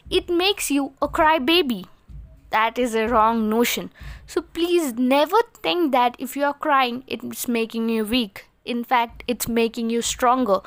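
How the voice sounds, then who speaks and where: A woman giving an earnest, emphatic motivational talk, often posing rhetorical questions. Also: high-pitched. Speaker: motivational speaker.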